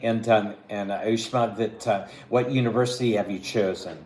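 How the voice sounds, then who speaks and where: A man's voice: lowish voice, fairly even intonation, normal speed, darkish tone, a little hiss or hum. A man acting as a mock visa examiner, asking questions with many hesitant fillers and encouraging praise. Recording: echoey room.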